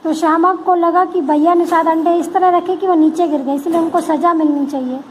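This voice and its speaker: A woman teacher with a very high, light voice reads a textbook story aloud. After each passage she retells it in simpler words, the way a teacher explains a lesson. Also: steady tone, brisk, slight background noise, low-quality recording. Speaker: school teacher.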